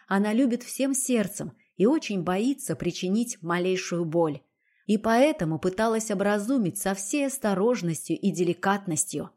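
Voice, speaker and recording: A woman's voice: medium pitch, darkish tone, close to an everyday voice. A woman voicing an emotional young noblewoman who stays dignified through tears. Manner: tearful yet dignified.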